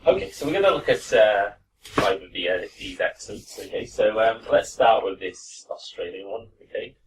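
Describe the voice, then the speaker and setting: A man teaching a pronunciation class, relaxed and full of fillers, slowing down to demonstrate words. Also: lowish voice. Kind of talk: classroom lesson. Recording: distant mic with faint room noise.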